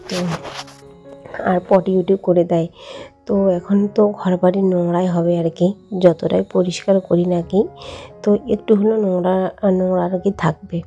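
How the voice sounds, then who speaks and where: A woman vlogger with a cold, speaking hoarsely and quietly in a chatty, rambling late-night voice-over. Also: fairly low pitch. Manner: speaking softly and hushed.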